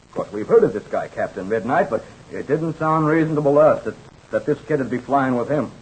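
A helpful young American airman in an old-time radio drama. He is folksy and earnest, with a mid-pitched, slightly rough voice. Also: expressive, a little fast, a little mellow, low-quality recording. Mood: animated, skeptical. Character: eager, folksy young male pilot, apologetic and helpful.

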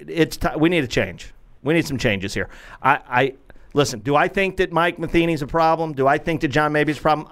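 A man's voice: a little high, smooth. A man co-hosting a sports talk show, fed up and ranting, hammering his points by repeating them. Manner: animated, fed up, repeats himself for emphasis. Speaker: podcast co-host.

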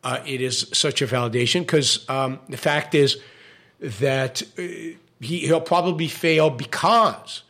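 Speaking a little slowly in a mid-range, fairly bright voice, a show host runs a live stream with opinionated commentary. He stumbles through fillers and restarts as his voice begins to fade.

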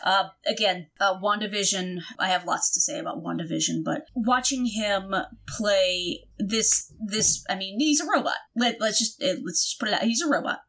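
A woman's voice: medium pitch, fairly bright tone. A woman co-hosting a podcast, giving earnest, emphatic opinions in casual chat. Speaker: podcast co-host.

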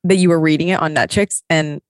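A woman's voice: low-pitched, fairly even intonation, fairly quick, no echo, clean studio sound. A woman co-hosting a podcast, teasing her friend in a wry, casual way. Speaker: podcast co-host. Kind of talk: casual chat.

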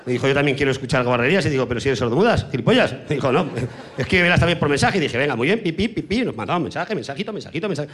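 On stage, a Spanish man performs a crude stand-up monologue in a fairly high, animated voice at a very fast clip. Brash punchlines alternate with sudden shouted sound effects.

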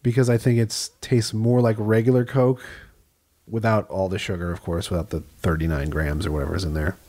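A man's voice: sits low, level tone, fairly quick, warm tone. A middle-aged man and father telling a laid-back story in a casual chat with friends.

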